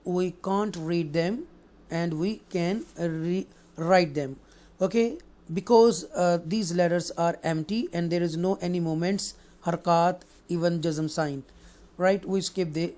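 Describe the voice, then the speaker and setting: A man teaches the rules of Quran recitation at an unhurried pace. His voice is smooth and clear, and he switches between explanation and slow, drawn-out chanted recitation. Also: high-pitched, a little mellow. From Pakistan. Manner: explains rules in Urdu mixed with English, then recites verses slowly and melodiously. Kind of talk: tajweed lesson, explaining and reciting.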